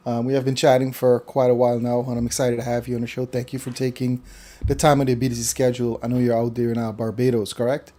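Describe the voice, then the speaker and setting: A man hosting a casual live online talk show over a video call, chatty and relaxed, with frequent fillers. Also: medium pitch, quick pace. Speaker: host.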